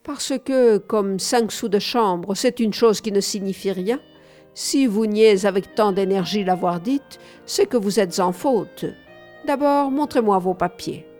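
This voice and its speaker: A woman's voice: mid-range voice, unhurried, darkish tone, soft background music, natural voice. A woman voicing a pompous male police sergeant in an audiobook reading, emphatic and self-important. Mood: stern.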